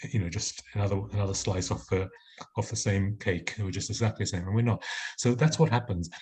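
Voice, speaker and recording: Deep voiced guy, bit husky, talking earnestly on a webinar panel, lots of restarts. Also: darkish tone. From Nigeria.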